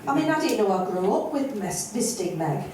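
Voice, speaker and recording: A woman's voice: mid-range voice, sing-song, a little fast. Older northern woman doing stand-up, distant and echoey. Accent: Lancashire. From North West England. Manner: blunt, self-mocking, broad northern delivery. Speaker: stand-up comedian. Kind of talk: stand-up set. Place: comedy club stage. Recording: roomy and distant with audience noise.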